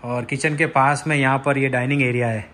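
In a casual house tour vlog, a man in his thirties from India, raised in Rajasthan, chattily leads viewers through his apartment room by room on a handheld phone. He speaks briskly, his medium-pitched voice a bit bright and fairly even in intonation.

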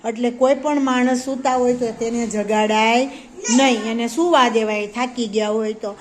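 High-voiced teacher coaxing young pupils. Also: female voice, steady tone, moderate pace. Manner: asks the children questions and praises answers. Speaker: preschool teacher. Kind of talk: classroom teaching. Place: classroom. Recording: faint background noise.

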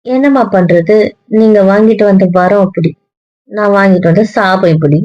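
Sharp-tongued woman, teasing and dry. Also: mid-range voice, normal speed, no room sound, dull audio. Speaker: wife in a family skit. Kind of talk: casual family banter.

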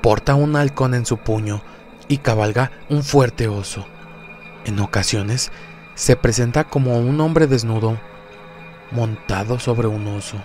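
A man's voice: medium pitch, measured pace, darkish tone. A man reading a scripted narration about demons as a guest narrator. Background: faint music.

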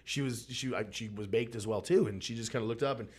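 A man's voice: medium pitch, fast talker, husky. A man, a stand-up comedian, telling a story in casual chat, acting out the voices of the people in it. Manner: animated storyteller, acts out voices, frequent restarts.

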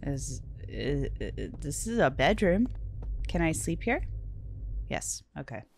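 A woman's voice: deep voice, big pitch swings, slow, creaky, a little mellow, a little hiss or hum. A young woman playing a horror game, talking to herself nervously, swearing, and dropping to whispers when scared. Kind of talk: let's play commentary.

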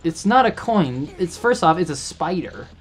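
A man's voice: fairly high pitch, very animated, normal speed, crowd noise. A man hosting a let's play, chatting casually as he plays and repeating words while he thinks aloud. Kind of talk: casual gameplay commentary.

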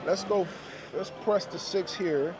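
The audio quality is poor as a high-voiced man talks at a slow pace on a bustling indoor casino floor, with music and chatter behind him. He's a gambling vlogger narrating his play in a casual, slangy way, frequently repeating numbers and phrases.

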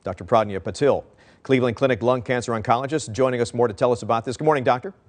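A middle-aged man anchoring a studio news segment, asking brisk, friendly questions. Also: mid-range voice.

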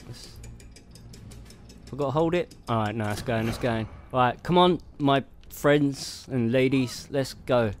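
A man gives relaxed commentary while he plays a game. His voice sits at a middle pitch, and he chats, laughs and mutters to himself as he goes. Quiet game music plays underneath. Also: measured pace. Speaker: gamer playing solo. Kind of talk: casual gameplay commentary. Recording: game music playing faintly behind. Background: faint game music.

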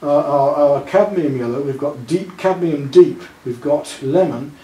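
A man in his sixties with a warm, somewhat high voice speaks unhurriedly as he patiently walks a student through painting, offering reassuring step-by-step guidance. This hands-on lesson takes place indoors in a home living room. A camera several feet away picks up his voice, so the sound is roomy and distant, with background noise.

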